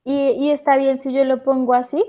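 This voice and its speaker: Woman, English teacher, patient online class, quizzes students, fairly high voice. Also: little pitch movement, normal speed, mellow. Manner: patient, checks understanding with questions.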